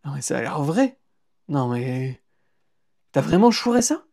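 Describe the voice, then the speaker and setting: A man's voice: on the high side, sing-song, unhurried, a little mellow, full character voice. A man voicing a joking, easygoing young male hacker friend in an audiobook, teasing and casual, stammering when taken by surprise. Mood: stunned. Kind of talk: audiobook character voice.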